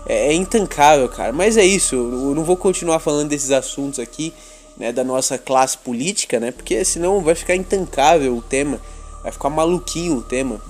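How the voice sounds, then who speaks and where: Slangy Brazilian man with raised pitch. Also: a little fast, darkish tone, faint music behind. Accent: Brazilian Portuguese. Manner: crude slangy rambling, frequent laughs. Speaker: podcast host. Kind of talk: casual chat monologue.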